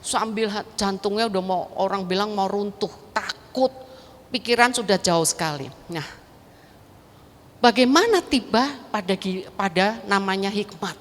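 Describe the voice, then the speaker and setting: A woman's voice: mid-range voice, unhurried. A middle-aged woman sharing an earnest, emotional faith testimony at a church prayer meeting, chatty and prone to restarts. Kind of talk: personal faith testimony talk. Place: large church hall. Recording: long hall reverb.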